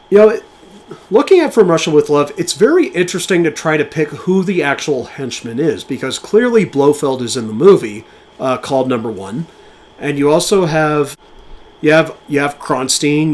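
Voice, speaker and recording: A male podcast co-host talks about film in a casual, enthusiastic way, his voice at a medium pitch. He uses fillers and restarts his sentences quickly.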